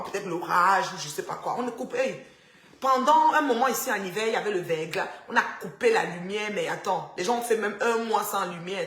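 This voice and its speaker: A woman, chatting and teasing her viewers on a phone live stream from a dark house. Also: mid-range voice, echoey room. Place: house with the power cut.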